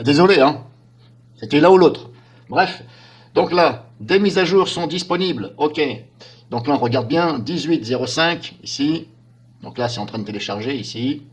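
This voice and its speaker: Guy talking through his screen recording, kinda husky, rambly, keeps saying hein. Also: medium pitch. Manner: chatty, rambling, frequent "hein" and "donc là". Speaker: tech screencast narrator. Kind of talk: casual screen-recording commentary.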